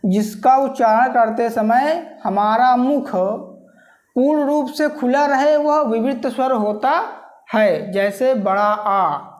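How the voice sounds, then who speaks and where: Slow, dictating woman teacher. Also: high voice, darkish tone. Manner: slow, repeats each term word by word as if dictating; asks the listener to say the sounds aloud. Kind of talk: classroom grammar lesson.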